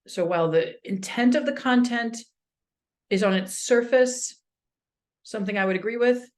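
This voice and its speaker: A woman's voice: sits low, darkish tone. A woman in her fifties gives casual, blunt, opinionated commentary as she reacts to a video.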